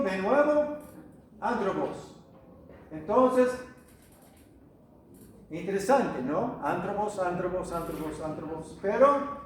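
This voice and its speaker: Slow, high-voiced preacher in an echoey hall. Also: male voice, a little hiss or hum. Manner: teacherly, asks the audience questions, many hesitations. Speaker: missionary preacher. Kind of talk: church Bible teaching. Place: church hall. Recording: echoey hall, recorded from far off.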